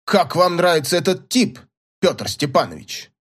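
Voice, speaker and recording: A man's voice: on the high side, very animated, normal speed, a bit bright, husky, pitched above the performer's own voice, heavily acted. A man reading a story aloud and voicing an irritable, scornful old professor.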